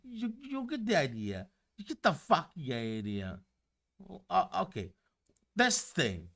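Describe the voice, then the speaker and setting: Heated, bright-voiced man ranting on stream. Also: on the high side, huge pitch swings, slow. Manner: profane, repetitive, heated ranting. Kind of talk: live-stream rant.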